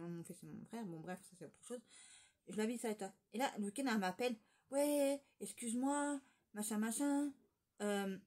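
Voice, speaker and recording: A woman's voice: mid-range voice, darkish tone. A woman vlogger telling a rambling, gossipy story in casual chat, with lots of fillers and restarts.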